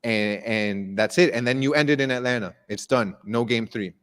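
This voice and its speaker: A man's voice: medium pitch, moderate pace, fairly bright tone, clear, resonant tone. A man, co-hosting a casual sports live stream, emphatic and confident, often repeating words as he builds a point. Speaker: sports show co-host.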